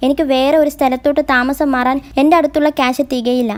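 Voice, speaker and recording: A woman's voice: high voice, little pitch movement, fast talker, lightly acted. A woman voicing a shy, sweet young woman in love who gets easily flustered, in her own voice. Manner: shy, eager, a little flustered.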